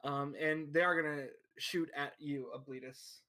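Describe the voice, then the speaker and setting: A man running a tabletop game as game master, describing the scene with lots of pauses and ums. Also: fairly high pitch, steady tone, pushed and bright.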